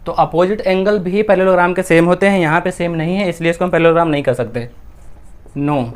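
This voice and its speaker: A man's voice: high-pitched, quick pace, clean tone. A young man with an Indian accent, a maths teacher working through textbook exercises step by step, mixing Hindi with English and asking and answering his own questions.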